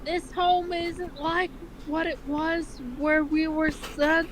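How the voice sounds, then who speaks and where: Noisy home recording of a woman playing a high-voiced cartoon meerkat mother. She dotes on her child but speaks haltingly, with an anxious, slightly tense edge. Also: flat delivery. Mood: hesitant, uneasy. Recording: clearly noisy amateur recording.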